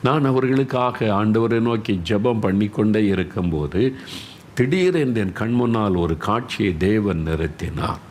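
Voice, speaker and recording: A man's voice: lowish voice, expressive, moderate pace, darkish tone, a little hiss or hum. A man preaching an earnest sermon, pleading with listeners through repeated questions.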